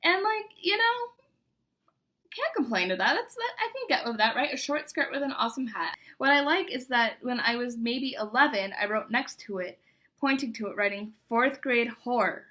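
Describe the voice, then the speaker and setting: Young woman vlogger, bright high voice, kinda embarrassed reading her old diary out loud, chatty. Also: lively intonation, normal speed. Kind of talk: casual chat, reading aloud from an old childhood diary.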